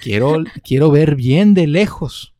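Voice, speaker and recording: A man's voice: on the high side, animated, takes it slowly, mellow, no room sound, clean studio sound, pitched above the performer's own voice. A man putting on an exaggerated Spanish accent, playing a fed-up guy who can't see without glasses. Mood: whiny. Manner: exaggerated Spain-style put-on accent, calling everyone "tío". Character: man imitating a Spaniard complaining about glasses.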